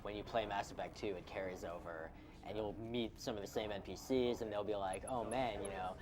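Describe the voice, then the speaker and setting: A man's voice: on the low side, steady tone, fairly quick. A man giving casual commentary on a game run, chatty and explaining with plenty of fillers. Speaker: marathon commentator.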